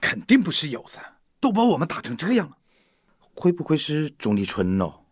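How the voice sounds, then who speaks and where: A flustered Taoist priest complains defensively. His fairly high, husky voice bounces about with lively pitch, close and dry. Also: normal speed, no echo, heavily acted. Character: flustered male Taoist priest, defeated and whiny.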